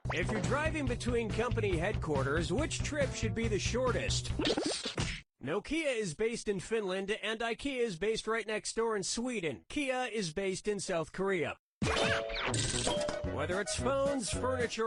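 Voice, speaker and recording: A sardonic quiz game host with a high voice. He delivers scripted comic questions and quips in a wry manner over loud music. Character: wisecracking male quiz show host.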